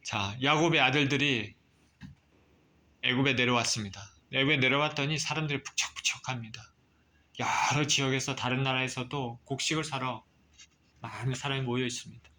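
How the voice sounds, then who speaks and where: A man preaching a sermon as pastor, reading scripture and explaining it with measured pauses. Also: mid-range voice, steady tone, sharp tone, slight background noise.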